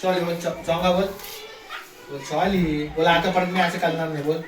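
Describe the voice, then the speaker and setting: A man's voice: fairly high pitch, little pitch movement, moderate pace, roomy sound, over music. A young man with a Marathi accent, a father teasing and half-jokingly scolding his little son in a casual family vlog at home. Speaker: father, co-host. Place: home, indoors. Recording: noisy home phone recording.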